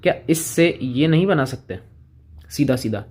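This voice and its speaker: A man's voice: fairly high pitch, animated, measured pace, darkish tone, husky. A man teaching chemistry in a casual lecture, chatting with students and playing both sides of the conversation.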